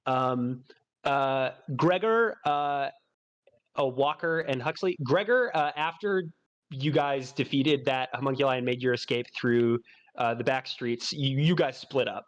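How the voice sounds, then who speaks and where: A man narrates as game master, his voice sitting in an ordinary middle pitch. He rambles, filling gaps with ums and uhs and restarting his sentences as he describes the scene. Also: a little slow. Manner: rambling, many fillers and restarts.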